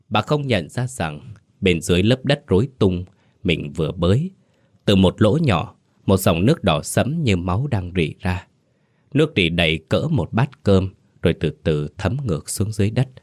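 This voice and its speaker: A man narrating a scripted horror story in a steady, measured way. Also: sits low.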